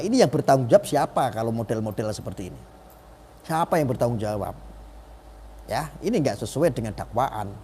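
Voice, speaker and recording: Animated man ranting on a live stream. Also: medium pitch, breathy edge, long reverb tail. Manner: animated, emphatic, rhetorical questions, acts out quoted voices. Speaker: live streamer commenting on a legal case. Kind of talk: impassioned live-stream commentary.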